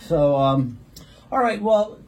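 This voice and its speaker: A man's voice: a little high, lively intonation, takes it slowly, a crowd in the background, poor audio. A man, a pastor, guest-hosting a gospel talk show and interviewing a couple in a friendly, joking way with many fillers. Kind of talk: casual interview chat.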